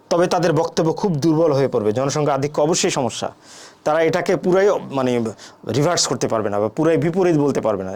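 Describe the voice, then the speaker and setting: A man's voice: fairly high pitch, a little mellow. A man teaching a debate class, who often asks the students a question and answers it himself, with frequent "thik ache" and "ah" fillers. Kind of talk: classroom lecture.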